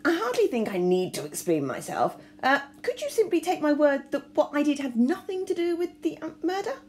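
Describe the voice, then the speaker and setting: A pompous, plump aristocrat who stammers and keeps clearing his throat, put on by a woman reading a storybook aloud. His lines leap up and down in pitch in a warm, mellow tone. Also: very animated, a little fast, slight background noise. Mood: flustered. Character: flustered plump aristocratic older father.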